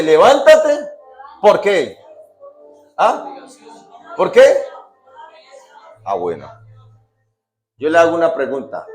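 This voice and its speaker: A male pastor preaching a sermon, quizzing the congregation with repeated questions and swinging between loud emphatic lines and quiet drops. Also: a little high. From Colombia. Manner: call-and-response questions to the congregation. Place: church hall. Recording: echoey church with music behind.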